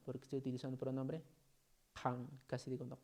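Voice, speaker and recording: A man's voice: mid-range voice, monotone, fast, warm tone. A man teaching an online language class, chatty and joking as he reads out student comments, with a Peruvian Spanish accent.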